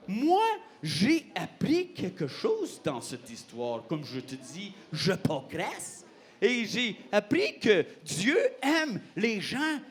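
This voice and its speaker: Playful children's storyteller, slow and singsong, in an echoey hall. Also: male voice, high-pitched. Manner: playful, expressive, asks questions of the audience. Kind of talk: animated Bible story for children. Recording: roomy hall, faint noise.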